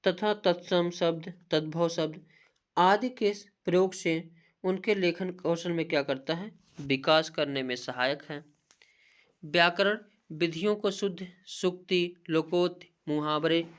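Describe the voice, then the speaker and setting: A Hindi teacher giving an exam-prep lecture, reading points in a steady listing voice and often asking a question mid-sentence, then answering it herself. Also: mid-range voice.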